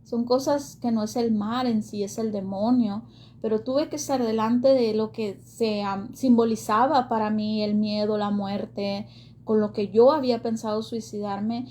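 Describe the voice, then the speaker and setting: A woman's voice: fairly high pitch, steady tone, measured pace, dark tone. A woman giving an earnest, emotional faith testimony, with hesitant fillers. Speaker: ministry speaker giving testimony.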